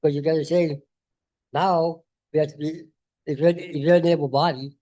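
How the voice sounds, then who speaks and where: A man in his late fifties speaks up from the audience, pressing his point and circling back to it again and again. His voice sits fairly high for a man, with a dark, mellow tone. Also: steady tone, moderate pace. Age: 50s. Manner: insistent, emphatic, repeats himself. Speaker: audience member asking a question. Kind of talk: public Q&A question.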